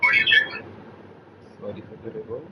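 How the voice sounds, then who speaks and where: A man's voice: lowish voice, huge pitch swings, moderate pace, far from the mic. A man commentating a sim racing stream in a casual, chatty way, his voice echoey with reverb. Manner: casual, chatty, talks to chat. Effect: echoey reverb on the mic. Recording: reverby with clear background noise.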